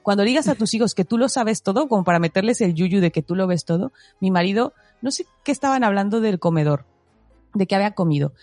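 A woman in her thirties chatting about parenting, telling stories with animated acted-out quotes. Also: medium pitch, fast talker, no room sound, soft background music. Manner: animated storyteller, acts out quotes with laughter. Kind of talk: casual parenting chat.

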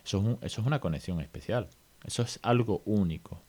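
A man's voice: lowish voice, quick pace, husky. Chatty Spanish man hosting a podcast. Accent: Spanish from Spain. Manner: lively, chatty, many restarts and "¿vale?" checks. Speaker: podcast host. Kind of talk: casual podcast monologue.

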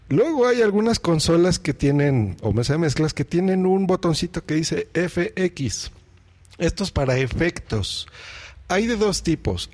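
In a home podcast studio, a podcast host walks through a how-to tutorial step by step while demonstrating equipment, speaking into a microphone routed through a mixing desk. His voice is medium-pitched with a darkish tone.

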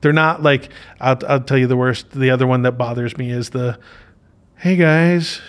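A man's voice: mid-range voice, fairly even intonation, fairly quick. Chatty man hosting a podcast. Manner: chatty, jokey, informal. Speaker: podcast host. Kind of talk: casual interview chat. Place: podcast studio.

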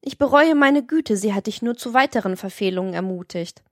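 A woman's voice: lively intonation, a little fast, no echo, studio quality, close to an everyday voice. A woman reading a lustful, domineering schoolmaster. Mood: stern. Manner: gloating, low and hushed.

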